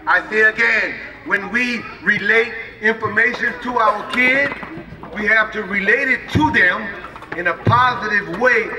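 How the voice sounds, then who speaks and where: High-voiced man leading a crowd. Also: unhurried, background noise. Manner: repetitive call-and-response, commanding teacher. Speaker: karate instructor. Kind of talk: talk to children at a community event. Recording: distant mic with music behind.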